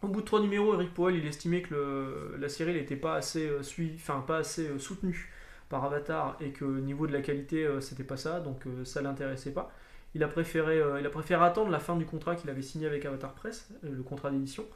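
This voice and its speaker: A man talks through a comic book review in a loose, rambling way, full of fillers and restarts. His voice sits a little high, and the room around him gives a clear echo. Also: fast. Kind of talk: casual video review.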